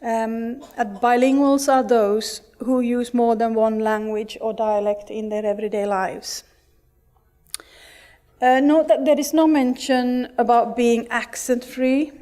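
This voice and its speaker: Speaking in a conference hall, a middle-aged woman from Finland delivers an earnest talk full of restarts and fillers, in a Finnish accent; she grew up speaking Finnish and Swedish. Her fairly high voice has a dark tone and fairly even intonation, and she speaks slowly.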